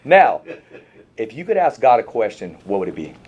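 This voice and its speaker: A man's voice: fairly low pitch, sing-song, normal speed, darkish tone, lo-fi sound, a little hiss or hum. A man hosting a radio interview show with a playful, game-show-host delivery.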